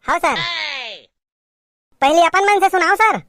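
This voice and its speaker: A woman's voice: extremely high pitch, measured pace, fairly bright tone, no room sound, clean studio sound. A woman with a Chhattisgarhi accent performing a comedy sketch as a cheeky pupil who talks back to her teacher.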